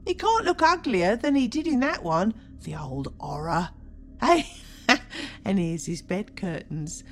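A woman's voice: medium pitch, big pitch swings, unhurried, slight background noise. Woman putting on a cackling old charwoman, brash, coarse. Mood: gloating.

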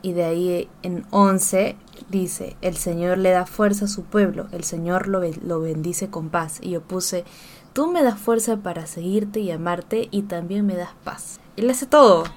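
A woman's voice: lowish voice, measured pace, slight background noise. Woman chatting through her Bible notes. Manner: reads verses, then shares notes, laughing easily. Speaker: podcast co-host. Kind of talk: casual Bible study chat.

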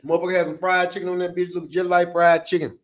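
A man's voice: sits high, level tone, quick pace, background noise. An American man on a casual comic rant, swearing freely and talking in playful slang. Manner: profane, slangy, playful ranting. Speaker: co-host of a vlog.

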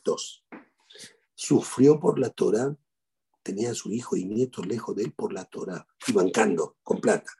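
A man's voice: lowish voice, normal speed, creaky, warm tone, slightly rough. A middle-aged man with an Argentine Spanish accent, a rabbi giving a eulogy sermon and telling stories with animation, repeating key phrases.

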